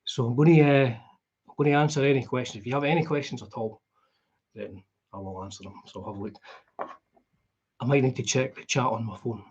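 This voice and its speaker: A middle-aged man with a broad Scottish accent and a husky voice, chatting casually and in a rambling, conversational way as he hosts a live stream. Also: mid-range voice, fairly even intonation, normal speed, long pauses, a little mellow, lo-fi sound. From Scotland. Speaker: guitar vlogger hosting a live stream. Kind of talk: casual chat.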